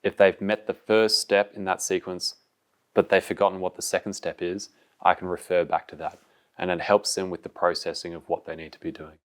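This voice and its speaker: A man teacher explaining in a calm, slow way, using few words. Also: sits low. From Australia. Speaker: secondary school teacher. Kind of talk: classroom instruction and explanation.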